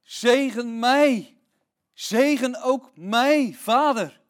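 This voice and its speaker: A desperate grown son, voiced by a man and pitched up high, who stretches every plea into a slow, aching cry. He sounds anguished as he begs his father for a blessing. This is a Bible story read aloud as part of a sermon. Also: animated. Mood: pleading. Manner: pleading, drawn-out cries.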